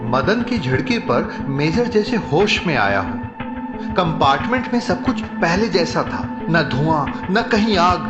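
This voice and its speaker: A man narrating a horror audio drama in a measured, dramatic storytelling voice. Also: a little high, big pitch swings, highs cut off, loud music behind the voice. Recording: roomy echo.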